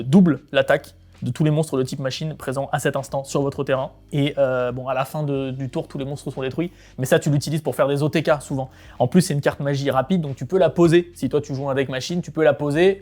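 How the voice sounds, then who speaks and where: A man reviewing trading cards one by one in casual, informal commentary, giving quick snap verdicts. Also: fairly high pitch, darkish tone.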